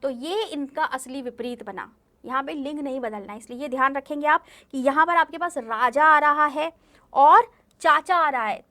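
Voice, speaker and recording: Leading an online lesson for young children, a young woman speaks at a moderate pace in a high, sharp-toned voice. Patient and repetitive, she frequently poses questions to the class.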